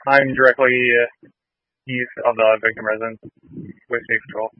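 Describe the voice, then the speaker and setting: A police officer speaking over a police radio transmission, terse and using radio codes. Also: male voice, mid-range voice, little pitch movement, moderate pace, dry recording. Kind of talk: radio dispatch traffic. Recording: muffled lo-fi radio audio.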